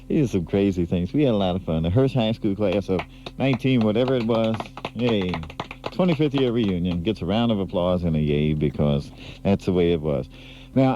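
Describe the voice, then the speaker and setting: On a muffled 1980s AM/FM aircheck tape with a little hiss or hum, a male radio DJ with a deep, mellow voice chats casually on air, rambling and laughing between records.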